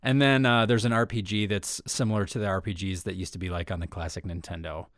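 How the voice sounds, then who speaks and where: A man's voice: low voice, fairly even intonation, fast talker, a bit bright, dry recording, clean studio sound. A man co-hosting an entertainment podcast, talking casually and rambling with lots of fillers. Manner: chatty, rambling with many fillers. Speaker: podcast co-host.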